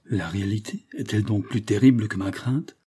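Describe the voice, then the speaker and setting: A man's voice: fairly low pitch, brisk, dark tone, husky. A man reading an audiobook, voicing an anguished young man in love who pleads in agitated outbursts. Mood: distraught.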